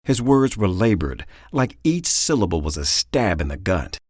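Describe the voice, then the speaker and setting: A man reading an audiobook in dramatic, expressive storytelling, close to the mic. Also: low voice, normal speed, no echo. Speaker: audiobook narrator. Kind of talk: scripted audiobook narration.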